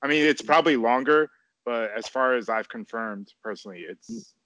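A man's voice: medium pitch, moderate pace, pushed and bright, no echo. A man chatting casually, hesitant and full of fillers and restarts. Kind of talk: casual conversation.

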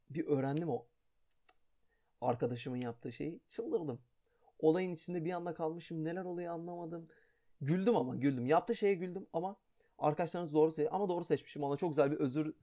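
Blunt young man ranting, mellow voice. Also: on the high side. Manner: blunt, swearing, exasperated. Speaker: vlogger. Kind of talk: casual rant.

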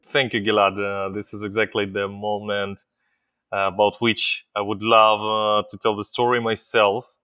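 Bright, crisp-voiced Ukrainian-born man. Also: fairly low pitch, level tone, normal speed, dry recording. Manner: hesitant, many fillers. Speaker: company CEO, guest. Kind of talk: interview storytelling.

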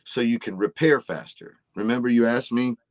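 A medium-pitched male voice at a moderate pace, free of room sound, belongs to a supplement company guest in his forties. He casually explains health ideas, often adding "right?" to check in.

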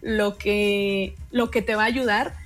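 A woman, a guest expert explaining emotions in calm conversation, measured and pausing to repeat her words. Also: medium pitch, faint music behind.

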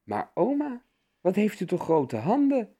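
A timid little storybook girl with a pitched-up, slightly husky voice, played by a man reading aloud. She sounds curious and hesitant, her voice swinging up and down. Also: huge pitch swings, unhurried, mellow, heavily acted.

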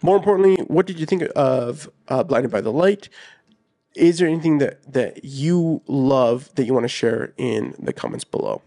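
A man's voice: mid-range voice, expressive, normal speed, warm tone. A man co-hosting a casual movie podcast. He talks in an earnest, rambling way with plenty of "like" and "you know". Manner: earnest, rambling, lots of fillers. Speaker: podcast co-host. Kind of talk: casual chat.

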